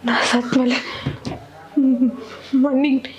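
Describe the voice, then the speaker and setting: A woman's voice: high voice, flat delivery, takes it slowly. A woman with a North Karnataka Kannada accent acting in a short film as a young village wife who whispers weakly. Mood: faint dying. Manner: weak breathy whisper. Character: young village wife, sharp-tongued then dying.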